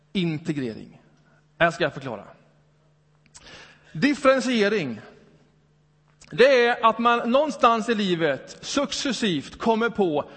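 A man's voice: sits high, fairly bright tone. A man preaching a Sunday sermon in a conversational way, full of rhetorical questions. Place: church hall. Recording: long hall reverb.

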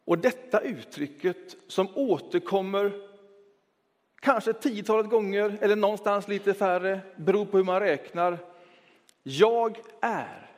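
A man preaching a Sunday sermon in a church, reflective, switching between quick talk and slow, stressed words. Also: sits high. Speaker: pastor. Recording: long church reverb.

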